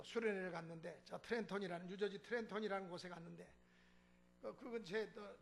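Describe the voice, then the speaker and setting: A man's voice: high voice, gravelly, a little hiss or hum. A man preaching a sermon as pastor, telling a story and acting out the dialogue with chuckles. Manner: animated, acts out dialogue, chuckles. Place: church sanctuary.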